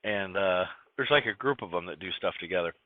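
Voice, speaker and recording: A man's voice: low voice, expressive, a little fast, no echo. Rambling man on a tinny line. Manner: rambling, scattered, with many fillers and restarts. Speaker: podcast host. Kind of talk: casual solo podcast monologue. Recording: tinny phone-like dry recording.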